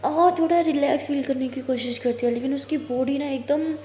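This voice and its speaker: A woman's voice: high-pitched, fairly even intonation, normal speed, mellow. A woman telling a casual love story in a chatty way, voicing both characters herself. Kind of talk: casual Hindi audio story narration. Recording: echoey room with long reverb.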